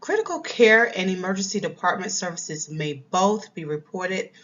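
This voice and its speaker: A woman with a cold-roughened, raspy voice, chatting casually while teaching medical coding. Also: on the low side, lively intonation, moderate pace, a bit bright, highs cut off. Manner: chatty, folksy, says y'all. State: hoarse from a cold. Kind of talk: casual vlog and lesson.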